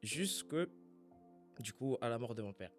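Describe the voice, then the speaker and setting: A man from Congo in a casual faith conversation, speaking in a reflective, halting way as he searches for his words. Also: mid-range voice, expressive, soft background music.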